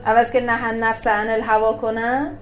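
A woman's voice: fairly high pitch, flat delivery, slight background noise, poor audio. Emphatic woman teaching a religious class. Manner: emphatic, asks and answers her own questions. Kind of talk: religious lecture to a small class.

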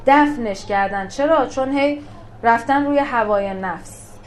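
A woman's voice: fairly high pitch, slight background noise, rough recording. A woman giving a religious lesson to a small class, emphatic, asking questions and answering them herself. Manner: emphatic, asks and answers her own questions. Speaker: religious teacher.

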